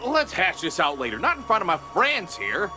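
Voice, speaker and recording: An actor voicing a bumbling country husband in a game, with a folksy rural drawl and flustered exclamations. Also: male voice, high-pitched, wildly swooping pitch, moderate pace. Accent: rural drawl (fictional county). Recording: game audio with loud music behind.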